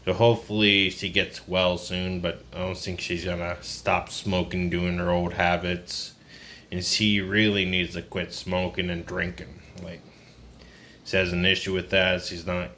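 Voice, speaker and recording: Downcast and burned-out, a man in his twenties confides in a rambling, casual personal vlog. He speaks at normal speed in a low, bright, forceful voice with little pitch movement, amid noisy ambient sound.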